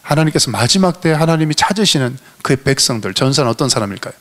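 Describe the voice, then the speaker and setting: A male senior pastor preaching fervently, asking rhetorical questions and swinging between loud, high appeals and low, quiet asides in a church. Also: animated, quick pace. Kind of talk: sermon. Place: church sanctuary.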